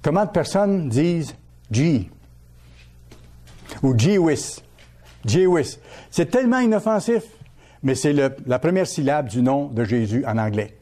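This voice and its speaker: A man's voice: a little high, animated, moderate pace, dark tone. A man preaching a sermon as a pastor, teaching by repeating key words and asking his listeners questions.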